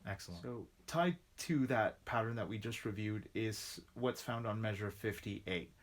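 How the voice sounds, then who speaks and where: A man's voice: on the low side, moderate pace, very noisy. A man giving an online guitar lesson, patiently counting beats and calling out strum patterns. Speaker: guitar instructor. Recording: loud guitar playing under the voice.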